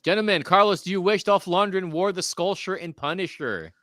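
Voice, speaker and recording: This is a man in his forties hosting a casual live-streamed podcast about collectibles. His voice is bright and forceful, and he jokes easily while reading viewer comments aloud. The sound is dry and close to the mic. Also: high-pitched, fairly quick, dry recording. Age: 40s. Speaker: podcast host.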